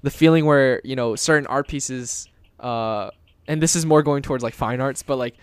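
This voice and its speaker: Smooth-voiced young man, searching for words. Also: mid-range voice, moderate pace, no echo. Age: young adult. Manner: hesitant, many restarts and fillers, searching for words. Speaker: podcast co-host. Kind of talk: casual chat.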